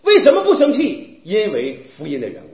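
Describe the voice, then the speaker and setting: A man preaches with great swings, jumping from sudden loud cries to hushed murmurs. He keeps firing rhetorical questions at his listeners. The sound is roomy and echoing, a little dull. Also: high-pitched, huge pitch swings, fairly quick. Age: young adult. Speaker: pastor. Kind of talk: sermon.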